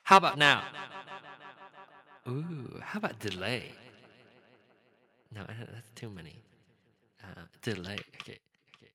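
A man's voice: on the low side, sing-song, measured pace, pauses often, sharp tone. A man hosting a casual solo podcast, playful and giggly, his voice run through a digital echo and delay effect on his mixer. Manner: playful, giggly, easily distracted. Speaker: podcast host. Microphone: studio mic through a mixer.

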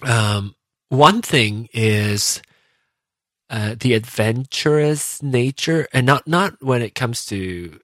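A man hosting a podcast, talking casually and reflectively about himself, often pausing and rephrasing as he thinks aloud. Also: medium pitch, fairly bright tone, dry recording. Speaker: podcast host. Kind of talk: casual reflective personal monologue.

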